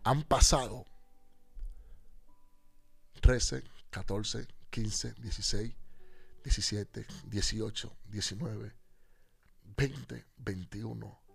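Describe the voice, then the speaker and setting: Gravelly-voiced man giving testimony. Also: lowish voice, very slow, long pauses, dry recording, faint music behind. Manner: animated storyteller acting out dialogue. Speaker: pastor and radio panelist. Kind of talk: personal testimony on a radio show.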